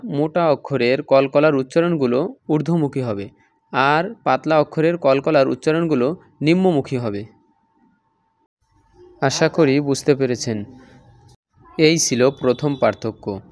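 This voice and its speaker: A man's voice: mid-range voice, a little mellow, dry recording. A man teaching Quran recitation rules, explaining step by step and repeating every example several times. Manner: slow, patient, repeats each example. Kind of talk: tajweed lesson.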